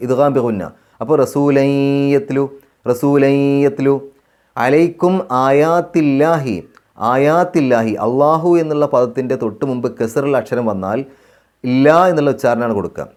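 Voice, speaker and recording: A male Quran teacher from Kerala. He chants verses slowly and melodically, then explains recitation rules calmly step by step, repeating phrases to model the pronunciation. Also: mid-range voice. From Kerala, India. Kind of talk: tajweed recitation lesson.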